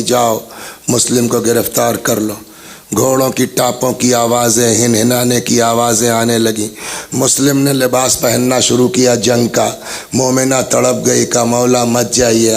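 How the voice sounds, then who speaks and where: A man's voice: medium pitch, vocal fry. A man giving a Muharram majlis sermon as a religious orator, telling the story dramatically and voicing its people while speaking directly to the gathering.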